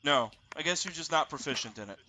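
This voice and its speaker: A man running a tabletop roleplaying game as game master, narrating haltingly and piecing sentences together. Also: on the high side, animated, bright, forceful tone, a little hiss or hum.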